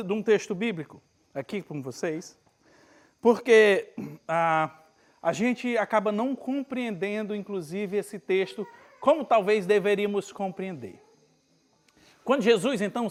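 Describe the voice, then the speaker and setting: A male pastor with a northeastern Brazilian accent preaching a conversational sermon at a retreat, acting out Bible scenes with lively everyday speech. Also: high-pitched. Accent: Brazilian Portuguese, northeastern.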